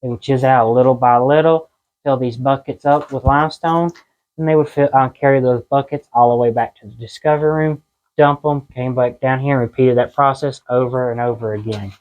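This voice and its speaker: A man's voice: mid-range voice, steady tone, brisk, lo-fi sound. A man giving an informal, folksy guided tour inside a cave, in a conversational way.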